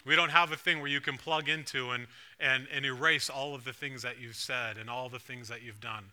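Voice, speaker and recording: A man's voice: mid-range voice, fairly even intonation, a little fast, pushed and bright, clear, resonant tone. A man pastor preaching a sermon in a church, talking conversationally and putting questions to the congregation. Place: church sanctuary.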